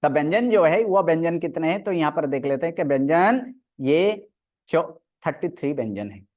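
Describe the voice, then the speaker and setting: A woman's voice: low-pitched, lively intonation, normal speed, a little mellow. A woman teaching a grammar lecture, methodically counting aloud and drilling each sound one by one. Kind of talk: online lecture.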